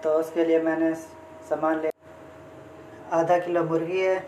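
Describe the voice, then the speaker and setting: Young guy cooking at home, talks flat and even into his phone, pan sizzling, noisy. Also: fairly high pitch, measured pace. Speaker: cooking vlogger. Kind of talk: casual cooking narration. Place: home kitchen. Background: frying and sizzling in the pan.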